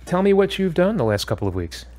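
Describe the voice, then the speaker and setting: With a high-pitched voice, a man plays a calm, firm, probing therapist in an audio drama. His measured, instructive questioning has an attentive, probing mood.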